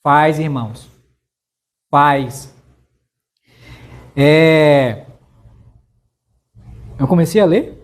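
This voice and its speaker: A man's voice: a little high, very slow, long pauses. Man preaching a casual Bible study. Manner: folksy, addresses listeners as brothers with frequent tag questions. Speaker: missionary preacher. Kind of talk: conversational Bible study sermon. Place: church sanctuary.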